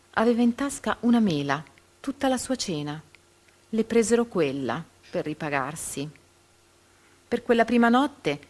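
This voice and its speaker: A woman narrating a storybook in a measured, expressive reading. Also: lowish voice.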